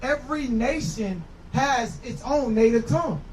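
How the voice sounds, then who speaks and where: A male street preacher debates outdoors in an insistent, instructive manner, often repeating his points. His voice is extremely high and a little mellow at a measured pace, recorded from a distance with faint street noise.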